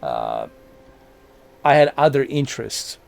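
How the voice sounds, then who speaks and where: A man in his 40s hosts a gaming channel, talking casually to camera in a medium-pitched, creaky, slightly mellow voice. He speaks slowly with wildly swooping pitch, rambling and repeating himself with lots of fillers.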